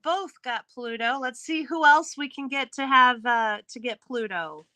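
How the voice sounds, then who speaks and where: A high-voiced woman hosts a live online game, upbeat and chatty, laughing easily as she calls out the winners. Her voice is bright and crisp, recorded dry and close. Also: a little slow, no echo, poor audio. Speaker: host. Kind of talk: live game-show hosting.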